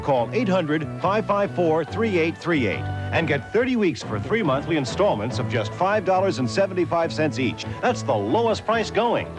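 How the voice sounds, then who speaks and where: Chipper American ad man, high lively voice. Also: moderate pace, few pauses, low-quality recording. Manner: chipper, emphatic salesman delivery. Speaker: TV commercial pitchman. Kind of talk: upbeat scripted advertising pitch. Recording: music bed behind the voice.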